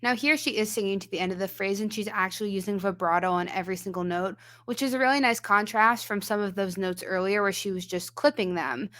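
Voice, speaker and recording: Voice teacher lady reacting to a song clip, picks apart the technique, mid-pitched, plain talky tone. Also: quick pace, few pauses, fairly bright tone, faint music behind. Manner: analytical, explains singing technique step by step. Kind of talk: reaction commentary on a singing clip.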